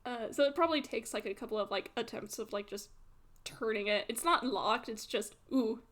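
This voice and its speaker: A woman running a tabletop game, improvising narration in a hesitant, halting way. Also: a little high, a bit bright. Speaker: game master.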